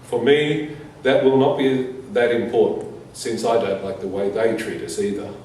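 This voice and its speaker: A male conference speaker with a soft, mellow, medium-pitched voice reads out a prepared statement in measured, deliberate phrases with fairly even intonation. The room echoes heavily, the mic sits some distance from him, and faint noise lingers in the background.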